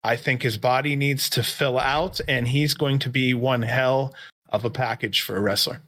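A man's voice: mid-range voice, steady tone, normal speed, fairly bright tone. A man co-hosting a podcast, chatting casually and joking with his co-host. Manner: joking, laughs between remarks. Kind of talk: casual chat.

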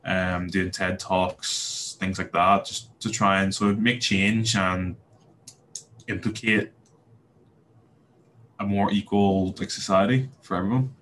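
Slow and pausing often, a young man with a Belfast accent talks casually as a podcast guest, hesitant and heavy on fillers and restarts. His low voice has fairly even intonation and a fairly bright tone. He's from Northern Ireland, and a little hiss or hum is audible.

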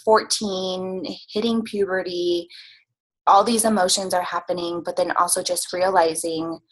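A woman's voice: on the low side, level tone, measured pace, low-quality recording. A woman of thirty talking casually in an interview, hesitant with many ums, open and reflective. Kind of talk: casual conversation.

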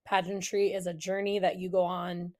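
Her voice sits on the low side with little pitch movement, at a moderate pace, as this young Californian woman hosts a casual podcast. She enthusiastically and warmly gushes, quick to agree with her guest.

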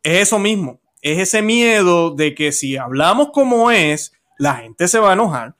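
A man interviewing a priest, agreeing and reflecting in a measured, conversational way. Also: high-pitched, very animated, fairly bright tone.

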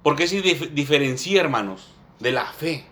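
A man delivers a sermon in a somewhat higher voice than most men. He reads scripture slowly and with weight, dropping soft asides to the brethren between phrases. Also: expressive. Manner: addresses listeners as brothers, slow emphatic Bible reading. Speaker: preacher.

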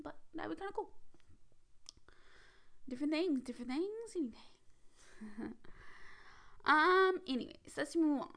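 A woman chatting casually as a wrestling fan, giving her predictions in a bubbly, rambling way, full of fillers and quick whispered asides. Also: high-pitched. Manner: drops to a whisper for excited asides. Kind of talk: casual vlog chat.

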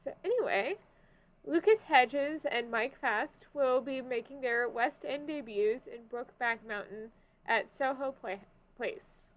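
Casting: female co-host, slightly high pitch, informal delivery of entertainment news and casual chat. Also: measured pace, low-quality recording. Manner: informal, loose paraphrasing between read items. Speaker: podcast co-host. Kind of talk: entertainment news podcast, reading items and chatting.

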